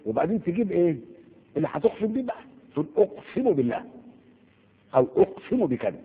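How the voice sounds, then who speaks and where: A man's voice: medium pitch, husky. A man with an Egyptian accent teaching a grammar lesson, asking the class questions and answering them himself. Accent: Egyptian Arabic. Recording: echoey hall over a tinny, phone-like line.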